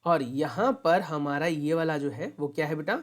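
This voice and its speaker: A woman's voice: deep voice, normal speed. A woman teacher explaining a school science lesson, calling her students "beta" and repeating each question and answer.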